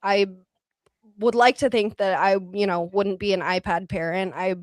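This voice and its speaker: A woman chats casually on a panel and gives practical advice, with plenty of fillers as she goes. Her voice sits at a middle pitch. The recording is dry and close, with no room sound. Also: moderate pace, dry recording. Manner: chatty, advice-giving, many fillers.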